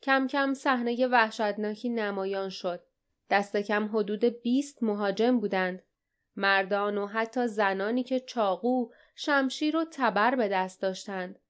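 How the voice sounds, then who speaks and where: A woman reads an audiobook aloud with steady, dramatic narration. Her voice is smooth and resonant, at a middle pitch for a woman. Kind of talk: scripted narration.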